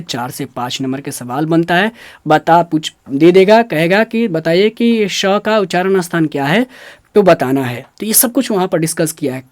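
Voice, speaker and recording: A man's voice: on the high side, no room sound, clean studio sound. A man teaching Hindi grammar for an exam. He asks questions and answers them himself, repeats the key words, and stresses careful pronunciation. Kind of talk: exam-prep grammar lesson.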